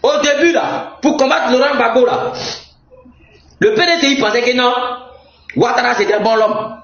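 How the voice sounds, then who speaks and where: A young man with an Ivorian French accent giving a heated political rant, mocking and often shouting and laughing. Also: extremely high pitch, moderate pace, creaky. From Côte d'Ivoire. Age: young adult. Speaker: political commentator. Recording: roomy, dull lo-fi sound.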